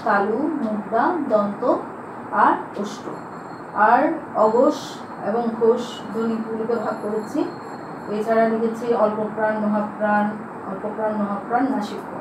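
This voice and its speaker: High-voiced woman teacher in echoey classroom. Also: flat delivery, moderate pace. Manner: asks the class questions and answers them herself. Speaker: school teacher. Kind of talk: classroom grammar lesson. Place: classroom with a board. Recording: echoey room, mic far off, faint background hiss.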